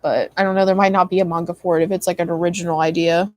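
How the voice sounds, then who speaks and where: A woman's voice: fairly low pitch, level tone, fast, no echo. A tired young woman chatting casually with her stream viewers, rambling with many likes and ums. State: tired, yawning. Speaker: livestream host.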